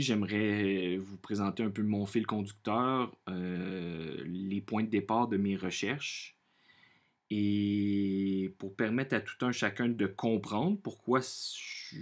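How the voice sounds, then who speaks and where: A low-voiced man from Quebec, Canada, with a Quebec French accent, vlogs his personal opinions in an unscripted monologue to camera. He's earnest but halting, searching for words and repeating himself.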